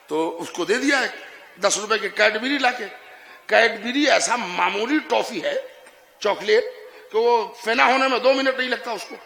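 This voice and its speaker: Bright, gravelly man preaching in echoey hall. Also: very high voice. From Bihar, India. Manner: conversational and teasing, asking the audience questions and rising to emphatic shouts. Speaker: Shia cleric delivering a majlis sermon. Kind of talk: sermon.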